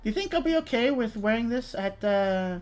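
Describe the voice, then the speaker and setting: A woman's voice: on the high side, lively intonation, brisk, a little mellow. Chatty young woman streamer. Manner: chatty, swearing, reading chat aloud. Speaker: VTuber streamer. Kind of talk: casual livestream chat.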